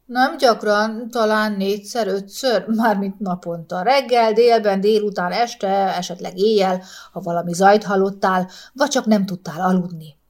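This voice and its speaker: A woman voicing a calm older husband who teases his wife dryly and tries to placate her. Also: medium pitch, close to an everyday voice. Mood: teasing. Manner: mild, dryly teasing, placating. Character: calm, teasing older husband doing a crossword.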